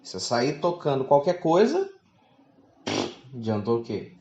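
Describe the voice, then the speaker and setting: A man delivers a teaching sermon with an animated, wide-ranging pitch. He reads scripture aloud and keeps turning to his listeners with pointed rhetorical questions. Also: measured pace, reverberant, lo-fi sound. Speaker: preacher.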